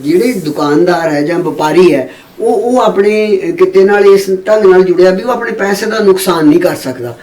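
A woman's voice: fairly low pitch, normal speed, hardly any pauses, warm tone. A woman author speaking as an interview guest, emphatic and often checking agreement with tag questions. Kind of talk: conversational interview. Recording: echoey room from far off.

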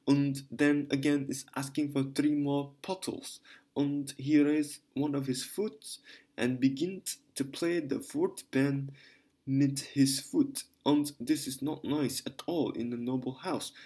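Reading aloud, a man voices a flustered, fawning German landlady who complains in rapid patter, with broken grammar and a heavy German accent. His natural voice sits fairly high and sounds warm.

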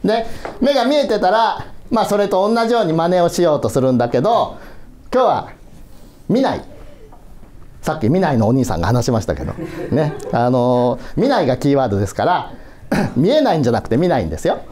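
Playful lively man leading a workshop. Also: fairly high pitch, brisk. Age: middle-aged. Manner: playful, coaxing, laughs often. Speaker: workshop instructor. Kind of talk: children's workshop instruction. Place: museum hall, indoors.

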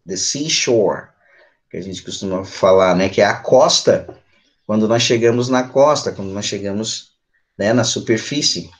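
A man in his forties with a Brazilian accent teaches English over a video call, his lowish voice moving at a measured pace as he patiently explains step by step and often adds little checking tags. He switches between Portuguese and English during the online lesson, sitting in a small home room or study lined with bookshelves, picked up by his computer mic.

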